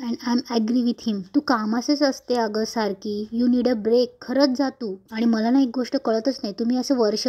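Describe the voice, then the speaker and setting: A woman reading as a playful teenage college girl, teasing and bubbly, tossing in English phrases. The tone is warm and mellow. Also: a little high, dull audio, lightly acted.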